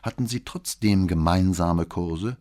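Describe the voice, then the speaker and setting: A man voicing a calm, probing male police commissioner in an audiobook. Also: sits low. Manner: calm, measured questioning.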